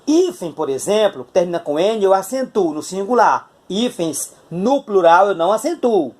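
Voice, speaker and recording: A man's voice: high voice, animated, darkish tone. A male teacher with a Brazilian Portuguese accent giving a grammar video lesson, explaining patiently and checking in with his students as he goes. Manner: explanatory, checks in with "tá?" and "né?", spells out letters slowly.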